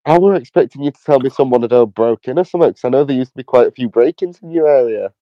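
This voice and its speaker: A man's voice: medium pitch, quick pace, dry recording. A young man, co-hosting a podcast with blunt, jokey, sweary interjections. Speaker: podcast co-host. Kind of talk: casual chat. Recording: slightly dull, lo-fi mic.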